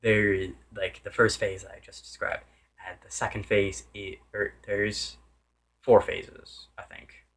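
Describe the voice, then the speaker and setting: Speaking in an unhurried, level way with a fairly bright tone, a man with a fairly low voice gives an unscripted, casual game review. His talk wanders as he restarts and corrects himself again and again, occasionally forgetting what he meant to say.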